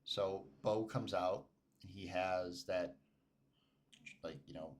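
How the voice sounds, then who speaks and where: Man, podcast co-host, low voice, animated storyteller acting out quotes. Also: slow. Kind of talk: casual chat.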